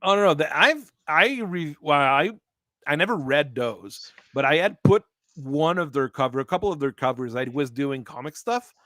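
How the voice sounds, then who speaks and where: A man hosting a casual chat, talking in a rambling, halting way with frequent restarts. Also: a little high, animated, pushed and bright, no room sound, clean studio sound. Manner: rambling, halting, laughs often. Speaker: host.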